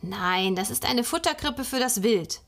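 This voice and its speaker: A woman voicing a calm, patient father explaining things to his children. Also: a little high, a little slow.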